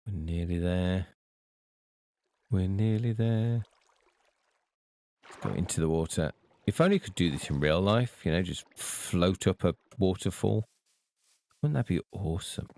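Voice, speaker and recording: A man casually talking to himself while playing a video game, relaxed and unhurried. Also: sits low, vocal fry. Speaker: gameplay video host. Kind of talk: casual gameplay commentary.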